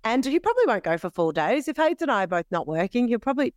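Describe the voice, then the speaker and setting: A pregnant woman, co-hosting a podcast in casual chat, laughing often and agreeing warmly. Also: a little high, sing-song, quick pace, no room sound, studio quality. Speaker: podcast co-host.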